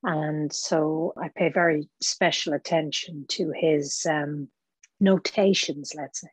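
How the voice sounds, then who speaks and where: A woman's voice: low-pitched, fairly even intonation, takes it slowly, breathy edge, no room sound. A woman actor talking as a podcast guest, reflective and searching for her words as she explains her craft. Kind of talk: conversational interview.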